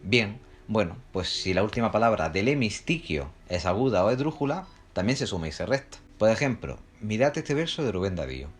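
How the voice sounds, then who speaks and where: A man teaches a recorded lesson. His voice sits low but swings widely in pitch as he explains each point step by step. He poses questions to the class and answers them himself. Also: sing-song, a little fast, hardly any pauses, husky. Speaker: literature teacher. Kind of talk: recorded lecture for students.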